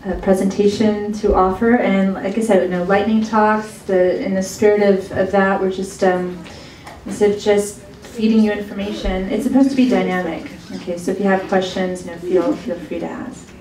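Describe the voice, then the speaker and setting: A woman's voice: medium pitch, fairly even intonation, moderate pace, darkish tone, a little hiss or hum. A woman moderating a summit and introducing speakers, rambling with many restarts. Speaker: event moderator. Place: college event hall. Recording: roomy hall, mic far off.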